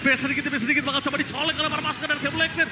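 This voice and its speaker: A man with an Indonesian accent shoutcasting esports like a fighting game announcer, dramatic, with shouted catchphrases and drawn-out key words. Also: extremely high pitch, steady tone, over music. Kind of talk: hyped fighting-game-announcer style play-by-play commentary.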